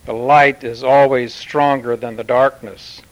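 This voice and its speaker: A man channeling a solemn male Martian commander who addresses Earth in formal, measured pronouncements with long pauses. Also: medium pitch, steady tone, highs cut off, natural voice. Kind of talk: channeled spiritual message.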